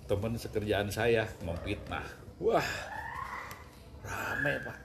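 A middle-aged man with a gravelly, creaky voice tells his own story as an interview guest. He speaks with emotion, and his pitch swings widely as he builds toward outbursts. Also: slow. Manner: emotional, animated retelling with rising outbursts. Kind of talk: personal storytelling in conversation.

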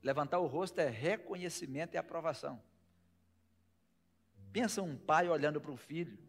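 A man with a Brazilian Portuguese accent preaching a sermon as pastor, swinging between loud emphasis and hushed asides and asking the congregation many rhetorical questions. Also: a little high, normal speed.

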